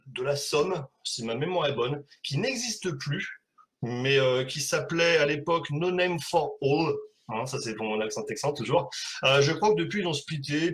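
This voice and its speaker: A man's voice: mid-range voice, fairly bright tone. A man hosting a casual live web show, rambling and joking with frequent hesitations.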